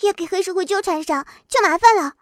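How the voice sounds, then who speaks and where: A woman's voice: very high-pitched, a little fast, dry recording, clean studio sound. A woman voicing a worried, chatty young female student in an audiobook. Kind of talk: audiobook dialogue acting.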